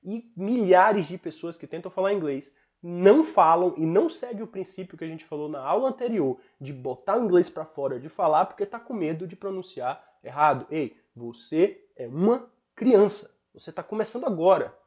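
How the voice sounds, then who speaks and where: Brazilian male English teacher, lively and reassuring, lots of pitch movement as he explains. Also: fairly quick, few pauses. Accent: Brazilian Portuguese. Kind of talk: online lesson.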